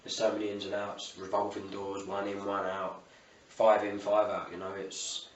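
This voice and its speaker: Low-voiced English football manager, roomy distant recording. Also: male voice, monotone, moderate pace. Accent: English, south-east. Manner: colloquial, matey, with frequent "you know". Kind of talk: post-match interview. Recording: roomy, distant mic, faint ambient noise.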